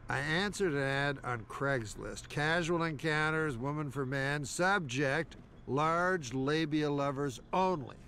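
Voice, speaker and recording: A man voicing a crude, sleazy male pigeon in a cartoon series, telling his story in a flat, deadpan, vulgar way. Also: on the high side, slow, a little hiss or hum, exaggerated voice. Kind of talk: animated TV series voice acting.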